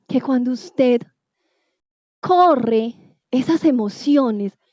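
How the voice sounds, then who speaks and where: Woman, Colombian Spanish accent, high voice, faith testimony, emotional, acts out dialogue, muffled dry recording. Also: very slow, dark tone, dry recording. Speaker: testimony speaker. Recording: dull, muffled sound in a dry space.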